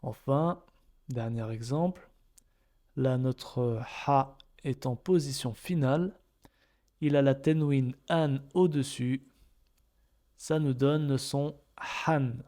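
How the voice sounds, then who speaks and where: Slow, mellow-voiced male teacher. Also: mid-range voice. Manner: patient, repeats each point, models sounds. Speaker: Arabic reading teacher. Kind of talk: step-by-step lesson narration.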